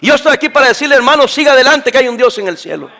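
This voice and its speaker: An older man, a pastor, preaching a sermon, moving from quiet talk to shouting. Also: very high voice, rapid-fire, gravelly. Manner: animated preaching, swings from soft to shouting.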